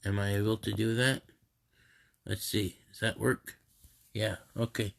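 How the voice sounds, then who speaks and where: Congested guy, kinda low voice, super slow, rambling and halting on a phone live stream at home. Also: flat delivery, vocal fry, a bit bright. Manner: halting and rambling, many restarts. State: congested, stuffy nose. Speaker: host of a live group stream. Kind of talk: casual live-stream talk. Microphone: phone camera.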